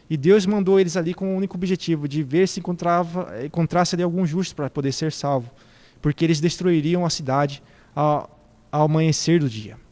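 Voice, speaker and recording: A man's voice: on the high side, a little mellow. Reflective male preacher in a reverberant hall. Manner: reflective, poses questions to the congregation. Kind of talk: sermon.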